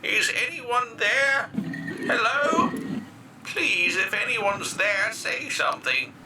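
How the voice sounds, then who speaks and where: A man's voice: very high-pitched, animated, slow, voice pushed up, heavily acted. A man voicing a frightened, lost old man who pleads in a quavering voice, close to tears. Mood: frightened pleading. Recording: echoey, distant, loud music behind.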